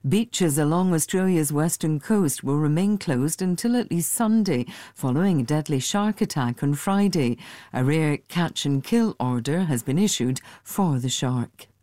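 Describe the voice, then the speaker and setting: A woman reading a radio news bulletin in a steady, formal way. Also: sits low, dry recording, studio quality. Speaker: newsreader. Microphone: studio microphone.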